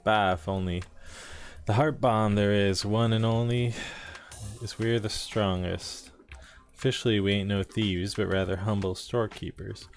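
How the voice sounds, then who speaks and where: A man voicing a scheming male smuggler gang boss from a game, reading the lines aloud in a rough put-on drawl. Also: lowish voice, steady tone, a little slow.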